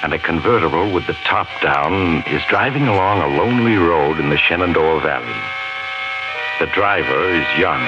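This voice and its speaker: An actor playing a mysterious storyteller host, narrating 1950s radio suspense in a theatrical, deliberate, ominous way. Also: male voice, low-pitched. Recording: muffled 1950s radio with loud music.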